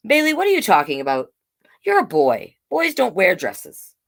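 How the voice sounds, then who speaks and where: A woman plays a stern storybook parent who scolds in a firm, impatient way. The delivery is curt and dismissive, with emphatic swings in pitch. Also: huge pitch swings, normal speed, vocal fry. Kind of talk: children's storybook read-aloud.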